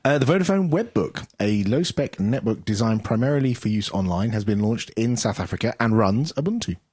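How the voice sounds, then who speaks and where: A man co-hosts a relaxed tech podcast, joking and laughing as he talks. His voice is low and a little husky, recorded close and dry. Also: fairly quick, dry recording. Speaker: podcast co-host. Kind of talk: casual tech podcast chat.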